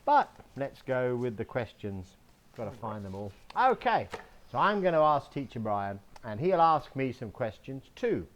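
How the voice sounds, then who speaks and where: A man from England teaching a slow English lesson to young children, spelling words letter by letter, recorded outdoors in a home garden. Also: mid-range voice, very animated.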